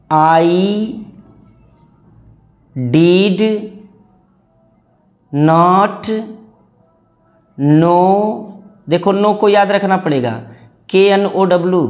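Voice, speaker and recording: In a slow read-along English lesson conducted in Hindi, a man with an Indian accent reads English word by word and has his students repeat after him. His voice is high and a little mellow.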